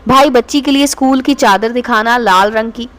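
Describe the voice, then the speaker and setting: A woman voicing a poor, gentle mother who speaks softly and pleads in a storybook tale. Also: a little high, normal speed, lightly acted. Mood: pleading. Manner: soft, pleading.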